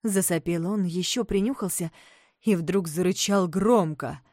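A woman narrating a children's story with animated, expressive storytelling. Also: on the low side, a little slow, dry recording, studio quality.

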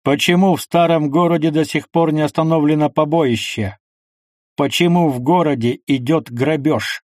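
A man voicing a furious tsar who roars his questions and commands slowly, each word stern and heavy. The voice sits a little above the reader's own, dry and close in a quiet booth. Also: medium pitch, dry recording, natural voice. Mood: angry commanding. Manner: shouting, slow and stern.

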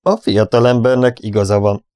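A man's voice: lowish voice, fairly even intonation, darkish tone, no room sound, clean studio sound, natural voice. A man doing a grey-haired old farmer. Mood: reproachful. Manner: scolding, earnest.

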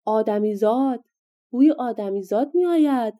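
A woman's voice: medium pitch, animated, close to an everyday voice. A woman voicing an irritable male giant ogre in a storybook reading. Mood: angry. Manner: shouting, irritable.

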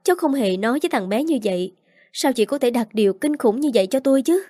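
A woman reading the part of a spiteful young aunt who scolds a child, fast and sharp. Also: a little high, expressive, dry recording, studio quality, pitched above the performer's own voice. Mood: aggrieved. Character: spiteful young stepmother-aunt, shrill and cruel.

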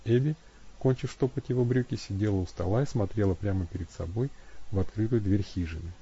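A man reading a novel aloud as narrator, in steady, even storytelling. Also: on the low side, fairly quick, breathy edge, highs cut off. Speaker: audiobook narrator. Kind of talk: scripted narration.

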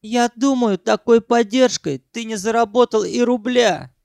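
Man playing a touchy, high-voiced celebrity singer in a storybook; shrill, haughty, easily enraged. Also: gravelly, no echo, studio quality, exaggerated voice. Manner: haughty, quick to shout and threaten. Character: pompous, squeaky male pop singer, self-important and touchy.

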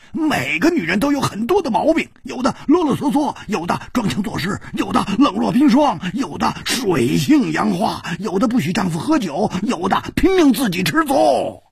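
A man voicing a boisterous, hot-headed swordsman who talks loudly and exclaims often. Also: high-pitched, vocal fry, slightly rough, no room sound, studio quality, voice pushed up, full character voice. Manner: loud, exclaiming, animated.

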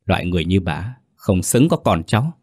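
A cold, curt young woman teacher snaps her words in a ghost story, as a male narrator voices her. The voice stays low and the sound is dry and close. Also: very animated, a little fast, darkish tone, breathy edge, no echo, exaggerated voice.

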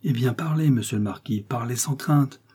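A man reads the role of a loyal, emotional farmer-servant who speaks effusively to his master, sounding eager, tearful and gushing. His medium-pitched voice has a dark, slightly rough tone at a moderate pace, close to an everyday speaking voice.

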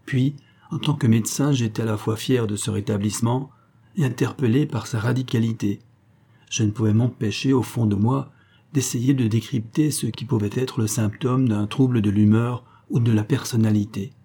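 A man reading a literary novel in the first person as an audiobook narrator, measured and reflective. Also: mid-range voice, steady tone, warm tone, slightly rough.

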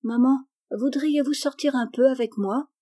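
A petulant little girl from an old storybook, sulky and whining, as a woman reader puts her on. Her voice rises high and pleading, with a mellow, soft tone. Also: moderate pace. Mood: gentle. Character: spoiled sulky young girl Gisèle.

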